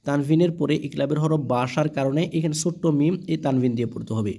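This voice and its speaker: A man teaching Quran reading in a slow, patient lesson, spelling each word letter by letter and repeating it. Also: fairly high pitch, creaky, warm tone, breathy edge. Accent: Bangladeshi Bengali.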